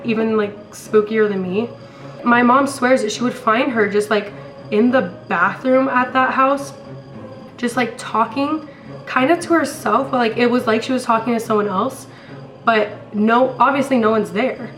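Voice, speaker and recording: A young American woman with a smoker's rasp, hoarse from being sick, telling stories in a casual, rambling, slangy chat. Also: on the high side, fairly bright tone, rough recording. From California, later Colorado, US. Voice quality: raspy, like a smoker's voice. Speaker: storytime vlogger.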